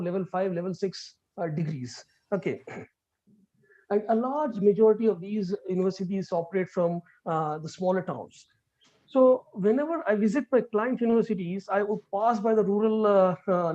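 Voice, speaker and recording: A middle-aged man from India, giving an earnest online lecture as a guest speaker, quick and full of fillers and restarts. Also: sits high, dark tone. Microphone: video call. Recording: dull lo-fi video call audio.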